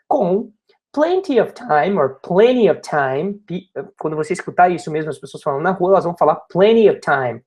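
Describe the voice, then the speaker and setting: Brazilian man teaching, slow then quick. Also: on the high side, a little mellow. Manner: reads phrases slowly, then explains quickly; repeats phrases and drills pronunciation. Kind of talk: recorded lesson.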